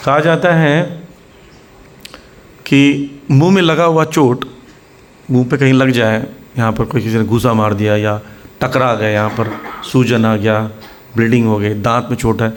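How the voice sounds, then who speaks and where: An Indian man giving a Hindi sermon at a temple preaching centre, mixing in English words and acting out scolding examples. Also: mid-range voice.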